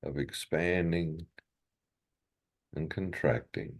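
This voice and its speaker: In a slow, gentle guided meditation, a man speaks brief phrases with long gaps between them. His voice rumbles low, with vocal fry.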